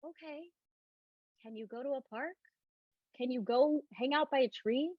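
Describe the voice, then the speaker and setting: Her voice sits high, recorded with no room sound and the highs cut off. She leads a live online self-love talk with breathing cues and viewer questions, soft and reassuring as she slowly repeats phrases for emphasis. At other moments she turns loose and chatty, full of "like" and restarts.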